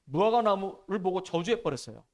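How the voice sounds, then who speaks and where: A man preaching a sermon in church, telling the story in an animated, emphatic way and dropping his voice low for solemn points. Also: brisk. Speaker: pastor.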